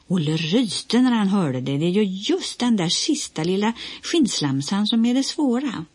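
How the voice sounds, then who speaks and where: A woman reading a children's book aloud in a gentle storytelling manner. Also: mid-range voice, big pitch swings, slightly rough, dry recording. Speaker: audiobook reader.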